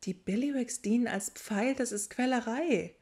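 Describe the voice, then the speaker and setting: A woman's voice: a little high, normal speed, a little mellow, voice pushed up. A woman voicing an earnest, bookish young witch who questions things with indignation. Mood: indignant.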